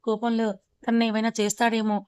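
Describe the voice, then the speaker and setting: A nervous young man answers his older brother meekly in a storybook tale, as a woman narrator puts him on. The voice is smooth and even, and the recording is close and dry. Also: a little high, brisk, no room sound, close to an everyday voice. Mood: anxious. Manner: hesitant, anxious.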